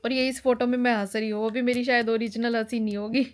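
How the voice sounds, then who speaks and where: A woman's voice: on the high side, flat delivery, quick pace. A woman, chatting animatedly as she shows her wedding album in a family vlog. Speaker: family vlogger. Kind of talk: casual chat while showing wedding album.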